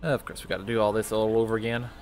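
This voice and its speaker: Gravelly low-voiced man commentating a game. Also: flat delivery, very fast. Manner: offhand, chatty, muttering to himself. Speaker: let's play host. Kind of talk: casual gameplay commentary. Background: faint game music.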